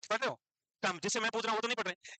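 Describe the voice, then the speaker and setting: A man lectures a classroom, teasing and scolding his students as he quizzes them. His voice sits high and rings bright and forceful. The sound is dry and close. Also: racing, no room sound, rough recording. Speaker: teacher.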